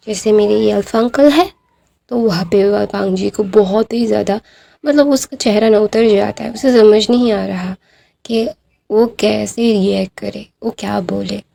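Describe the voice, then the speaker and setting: Woman retelling fanfic at home, chatty, gravelly low mellow voice. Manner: chatty, many fillers, loose retelling. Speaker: storyteller. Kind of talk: casual fan-fiction retelling. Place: home at night.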